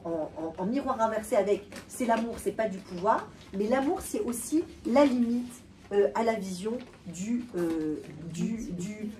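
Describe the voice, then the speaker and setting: A woman giving an animated talk to an audience, often repeating and restarting words. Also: a little high. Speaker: lecturer. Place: hall with a live audience. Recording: distant voice with faint room noise.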